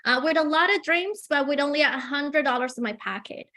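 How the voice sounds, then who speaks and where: Speaking briskly in a high voice, a woman from Colombia shares her story as an interview guest. Spanish is her native language and her accent is Colombian; she's energetic and earnest, using plenty of fillers.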